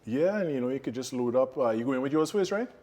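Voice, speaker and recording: A man's voice: mid-range voice, lively intonation, fast talker, dark tone. A man in his thirties with a Trinidadian accent, giving an easygoing, instructive cooking demonstration in a casual chatty way. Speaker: cooking show co-host. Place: home kitchen, indoors. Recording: background noise with kitchen clatter.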